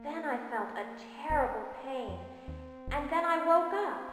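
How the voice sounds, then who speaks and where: A woman voicing a young maiden who has just woken from near death, speaking slowly and wonderingly, with a cave echo on her voice. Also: sits high, expressive. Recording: heavy cave echo, long reverb, game music.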